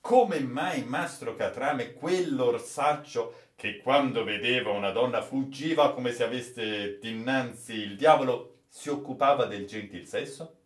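A man reading a classic adventure story aloud as narrator, with measured storytelling delivery, in a roomy, echoey space. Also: medium pitch. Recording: roomy echo.

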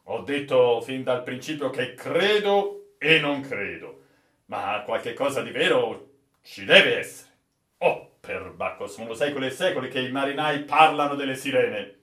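A man voicing a serious old sailor who tells sea stories slowly and deliberately, recorded in a roomy, echoey space. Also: mid-range voice, expressive, pushed and bright. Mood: grave. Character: grave old male sailor storyteller. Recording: roomy echo.

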